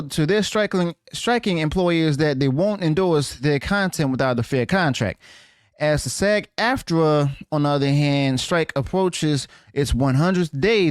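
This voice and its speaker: A man's voice: a little high, no echo, studio quality. A man hosting a casual news commentary show, talking in a wry, disbelieving way and often stumbling and correcting himself. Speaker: host of a news commentary channel.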